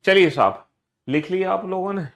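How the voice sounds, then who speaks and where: A man's voice: high-pitched, moderate pace, gravelly. Man teaching an online class. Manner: repeats instructions, addresses students as beta; drills the class with call-and-response chanting. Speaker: online exam coaching teacher.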